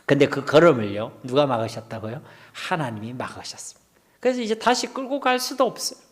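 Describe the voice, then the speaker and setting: Man, pastor, Gyeongsang accent, middle-aged, lively rising and falling pitch, church sermon, questions to the congregation, soft near-whispered asides. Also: a little fast. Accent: Gyeongsang Korean. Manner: animated preaching, asks the congregation questions, drops to near-whispers. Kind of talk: expository sermon. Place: church hall.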